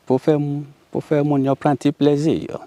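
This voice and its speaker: A man from Haiti with a Haitian Creole accent, speaking as a guest in a casual interview, animated and laughing often. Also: fairly high pitch, normal speed, no room sound.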